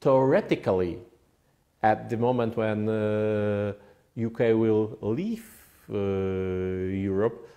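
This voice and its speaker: A man with a Polish accent giving formal interview answers in a deliberate, diplomatic way with hesitant phrasing. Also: on the low side, fairly even intonation, warm tone, highs cut off. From Poland. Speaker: ambassador, interview guest.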